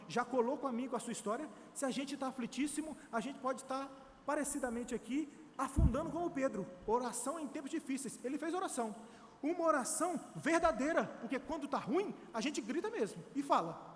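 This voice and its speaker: Brazilian guy preaching in a church, really high voice, acts out the quotes, echoes around the hall. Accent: Brazilian Portuguese. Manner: animated, acts out quotes, exhorts the congregation. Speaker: missionary preacher. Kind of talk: sermon.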